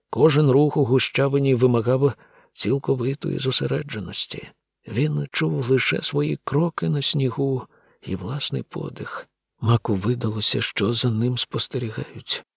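A man reading an audiobook aloud in a measured, grave storytelling manner. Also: medium pitch, creaky, breathy edge, no room sound, studio quality. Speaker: audiobook narrator. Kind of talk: scripted audiobook narration.

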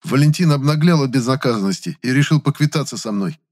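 A man voicing a quick-witted teenage boy who speaks in a mocking, firm way. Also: medium pitch, animated, a little mellow, no echo, studio quality, voice pushed up, natural voice.

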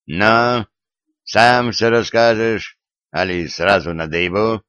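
A man voicing a stern, mocking old Russian tsar in an audiobook, talking in a gruff, dismissive way. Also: lowish voice, fairly even intonation, takes it slowly, fairly bright tone, dry recording. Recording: dull, dry lo-fi recording.

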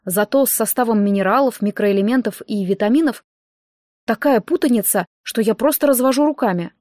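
A woman's voice: a little high, a little fast, darkish tone, dry recording, studio quality, close to an everyday voice. Woman reading a nervous, kindly doctor. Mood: puzzled. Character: kindly puzzled male doctor, middle-aged, nervous.

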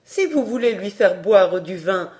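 A woman's voice: medium pitch, animated, measured pace, a little mellow, lightly acted. A woman playing a scheming old beggar woman. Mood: wheedling.

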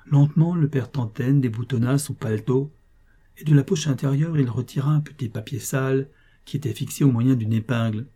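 Dark-voiced male audiobook narrator. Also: medium pitch, breathy edge. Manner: measured, expressive storytelling. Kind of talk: scripted narration.

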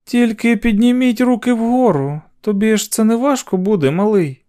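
A man's voice: high voice, clear, resonant tone, pitched above the performer's own voice, close to an everyday voice. A man voicing a woman calling out through smoke, her voice choked and urgent, in a scripted audiobook narration. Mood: coaxing. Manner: shouting with slow insistent pleading.

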